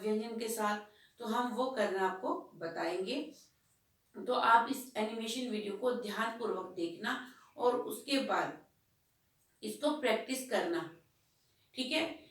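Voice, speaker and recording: A woman's voice: on the high side, a bit bright. A woman teaching a school Hindi lesson, explaining patiently and asking questions that she answers herself. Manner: slow, patient, asks and answers her own questions. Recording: echoey room, voice from a distance.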